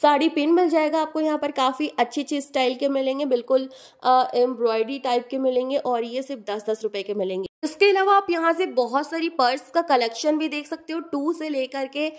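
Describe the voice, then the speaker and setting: Walking through an outdoor street market, a woman vlogs about her shopping, rattling off prices one by one in a chatty narration. She has a high voice and speaks fairly quickly.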